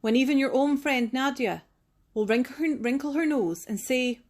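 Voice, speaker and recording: A woman with a high voice reads a picture book aloud, gentle, measured and expressive, much like a teacher leading storytime.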